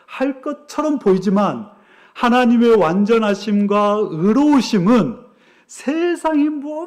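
A male pastor preaching a Sunday sermon in church, animated and storytelling. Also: high-pitched. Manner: animated storytelling, acting out quoted voices.

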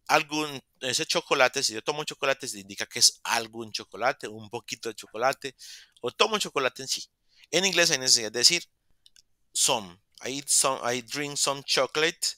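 A man's voice: medium pitch, pushed and bright, clean tone, no echo, clean studio sound. A man, teaching English in a virtual class and patiently repeating words to model pronunciation. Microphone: video call.

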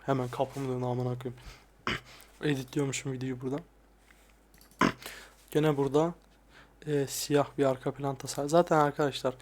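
A young man talking casually and softly, often swearing, as he looks back at his old videos. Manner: crude, frequent swearing; soft-spoken, dropping voice low at times. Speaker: ASMR YouTuber. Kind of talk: casual soft-spoken vlog. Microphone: lapel mic.

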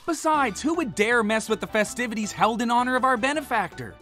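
An actor voicing an excitable little dinosaur host in a cartoon, announcing prizes and contests in a booming, grandiose way with stretched-out words. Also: fairly quick, lightly acted. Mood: dry, composed. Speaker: sports event announcer. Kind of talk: cartoon commentary. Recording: loud music behind the voice.

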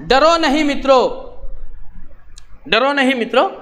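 A man reading the lines of a gentle young prince who soothes a frightened swan, softly and reassuringly, repeating himself. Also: very high-pitched, measured pace, big-room sound, pitched above the performer's own voice. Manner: soft, reassuring, repeats his words.

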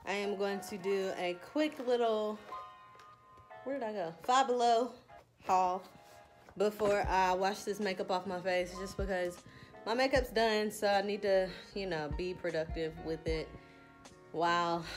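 A woman's voice: medium pitch, fairly even intonation, takes it slowly, long pauses. A young woman, chatting casually and rambling in a self-deprecating, slangy way while driving, a little out of breath. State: slightly out of breath. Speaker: vlogger. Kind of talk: casual driving vlog chat. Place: in a car. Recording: clear background music.

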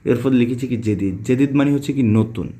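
Man teaching Arabic words, mellow voice. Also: mid-range voice. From Bangladesh. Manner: slow, repetitive word-by-word explaining. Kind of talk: spoken vocabulary lesson.

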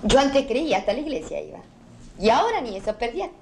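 A woman's voice: a little high, sing-song, quick pace, vocal fry, a little mellow. An actress playing a stubborn, patriotic working-class mother with a Rioplatense Argentine accent, talking in an emotional, insistent way. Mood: wistful. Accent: Rioplatense Argentine Spanish. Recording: 1980s film soundtrack, faint hiss.

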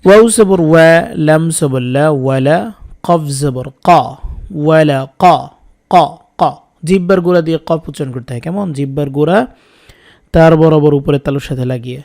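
A man with a slightly high voice teaches Quran reading. He spells out each letter and vowel, then stretches the full words out slowly and patiently, in a steady classroom manner. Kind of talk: spelling-out recitation lesson.

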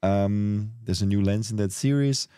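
A man hosting a casual podcast, talking with a cold in a relaxed, rambling way. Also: on the low side, measured pace, smooth, dry recording, clean studio sound. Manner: relaxed, rambling, restarts often. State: has a cold. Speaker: podcast host.

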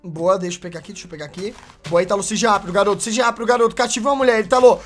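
A young man with a Brazilian Portuguese accent giving excitable, casual gameplay commentary, yelping and joking as he talks to the characters on screen. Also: high-pitched, racing, soft background music. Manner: excitable, yelps and laughs, talks to game characters. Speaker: gaming YouTuber.

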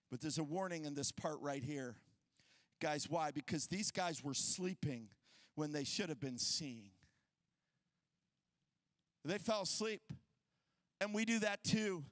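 High, bright-voiced preacher man. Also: dry recording. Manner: energetic, casual and joking, with slang. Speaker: pastor. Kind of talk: sermon. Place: conference stage before a crowd.

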